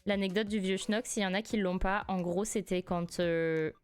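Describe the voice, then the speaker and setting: Young woman streamer, animated storyteller, faint music underneath. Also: medium pitch, normal speed, clean tone. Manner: animated, laughs often, rises sharply when indignant. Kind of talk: casual live-stream storytelling.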